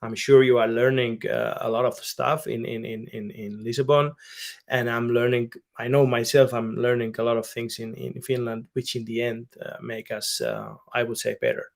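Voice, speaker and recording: A man in his thirties with a Spanish accent, co-hosting a casual podcast chat in halting English full of fillers. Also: mid-range voice, flat delivery, creaky. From Mallorca, Spain. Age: 30s. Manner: halting non-native phrasing, many fillers. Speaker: podcast co-host.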